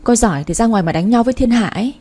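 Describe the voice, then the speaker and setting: A woman's voice: on the high side, rapid-fire, dark tone, voice pushed up, close to an everyday voice. A woman voicing a fierce, outspoken young woman who scolds and protects her family, speaking sharply. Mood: scolding.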